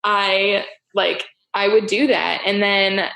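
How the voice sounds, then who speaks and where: A woman's voice: mid-range voice, steady tone, takes it slowly, gravelly, fairly bright tone. A young woman hosting a casual podcast chat, rambling with lots of fillers and frequent laughs. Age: young adult. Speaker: podcast host.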